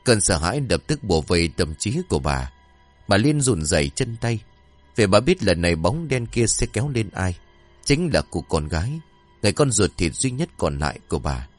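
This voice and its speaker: Very deep-voiced man narrating a horror story. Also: big pitch swings, moderate pace, no room sound, soft background music.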